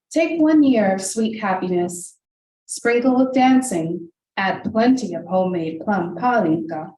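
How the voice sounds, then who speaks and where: A poet who is a first-generation Hungarian-American, with Hungarian as her native language, reads her work aloud in a library reading room. Her medium-pitched, slightly mellow voice sounds measured and deliberate during the poems, then loosens into asides full of ums. The room is echoey, she sounds far from the mic, and there's faint hiss.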